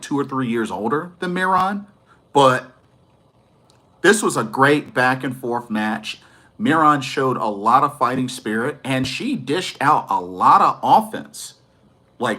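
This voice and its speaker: A man's voice: medium pitch, sharp tone. A man giving a casual, enthusiastic wrestling review, rambling a little and correcting himself as he goes.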